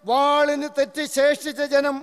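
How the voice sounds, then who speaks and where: A man reading Bible verses aloud in a measured, solemn recitation, line by line for a preacher. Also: very high voice, level tone. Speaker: Bible reader. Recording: reverberant hall sound.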